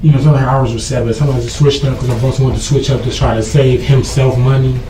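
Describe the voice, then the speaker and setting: A man's voice: mid-range voice, fairly even intonation, quick pace. A jittery man being questioned by police as a suspect, answering defensively and often repeating and restarting his phrases. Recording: echoey room, distant mic, faint noise.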